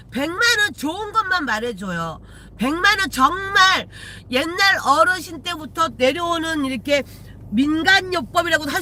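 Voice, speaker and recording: A woman's voice: high-pitched, pushed and bright, slight background noise. A woman, a shaman chatting casually with viewers on a live stream from her car, teasing and swearing freely. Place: in a car while driving.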